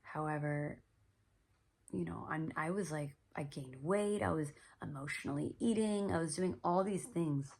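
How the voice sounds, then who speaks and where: A woman with a low, gravelly voice shares her story in an earnest, reflective monologue. Her voice is husky and often sinks into a near whisper. She speaks gently, with plenty of pauses and fillers. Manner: soft-spoken, often trailing into a whisper. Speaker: podcast host.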